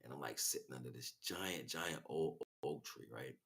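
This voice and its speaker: A man with a very deep, fairly bright voice speaks at a moderate pace while livestreaming. As host, he delivers a casual, rambling spiritual monologue in street slang, often checking in with rhetorical questions.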